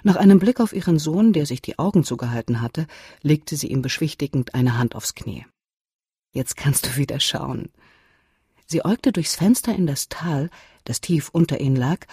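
An audiobook narrator reading scripted narration in a measured, expressive way. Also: mid-range voice, husky, dry recording, studio quality.

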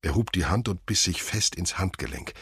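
A man reading an audiobook in a measured, even scripted narration. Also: low voice, husky, dry recording, clean studio sound.

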